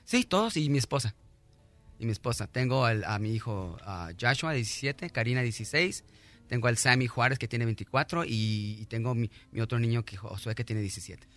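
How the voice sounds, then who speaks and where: Bright-voiced halting middle-aged man. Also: medium pitch, animated, faint music behind. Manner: halting, repeats and restarts, earnest and grateful. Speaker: radio guest. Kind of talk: telling his own story in an interview.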